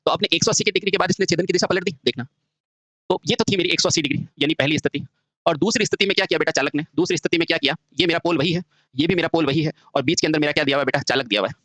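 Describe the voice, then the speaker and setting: A man's voice: a little high, very fast, fairly bright tone, no room sound. A man teaching a lesson, constantly asking the class questions and answering them himself, calling the students "beta". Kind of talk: classroom-style lecture.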